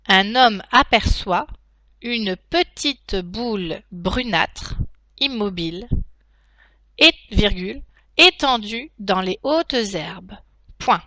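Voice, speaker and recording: A woman teacher dictating a text to pupils, phrase by phrase, in a deliberate, carefully articulated way with pauses. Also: mid-range voice, pushed and bright, dry recording. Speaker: primary school teacher.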